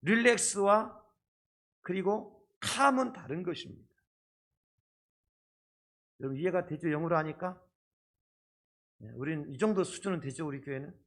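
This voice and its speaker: Preaching to his congregation through a face mask, a pastor sounds slightly muffled, his voice a little high, bright and expressive. He moves at a moderate pace, pausing often as he explains things step by step and poses rhetorical questions during the church service.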